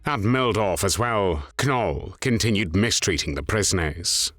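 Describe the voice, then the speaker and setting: A man reading scripted documentary narration in a grave, measured way. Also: lowish voice, animated, fairly bright tone, dry recording. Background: faint music.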